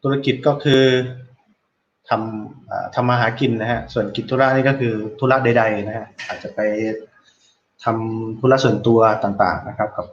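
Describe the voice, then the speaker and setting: A man teaching an English lesson online, explaining slowly, repeating words and quizzing students, and reading model phrases aloud in a drawn-out way. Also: on the low side, fairly even intonation, highs cut off.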